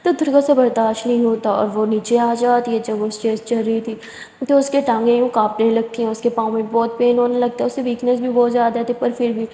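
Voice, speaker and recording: Woman storyteller, expressive and conversational; high, mellow voice in an echoey room. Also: brisk. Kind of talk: spoken love-story narration.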